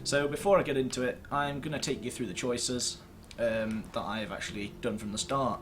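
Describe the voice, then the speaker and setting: This gaming series host talks quickly in a steady, mid-range voice over a noisy background. Seated indoors at his computer, he rambles through casual commentary to camera, poking fun at himself and swearing mildly.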